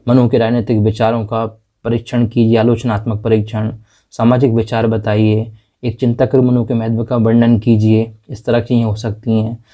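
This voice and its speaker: A man's voice: lowish voice, mellow. A young man giving a casual exam-prep lesson, chatty and rambling, calling his students friends as he goes through the syllabus. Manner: rambling, with fillers and restarts. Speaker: teacher.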